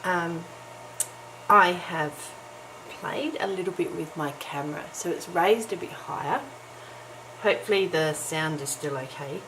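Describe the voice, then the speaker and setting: This crafting vlogger, a middle-aged woman, talks in an unhurried, lowish voice still croaky from waking up as she crafts at home early in the day. She's chatty and pokes fun at herself, with lots of ums and little laughs. The sound comes from the camera's built-in mic and is noisy.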